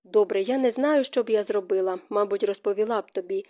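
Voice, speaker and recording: A woman voicing a gentle, remorseful middle-aged stepmother who speaks softly and tearfully. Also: mid-range voice, fast talker, close to an everyday voice. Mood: sorrowful. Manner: soft, hushed, tearful delivery.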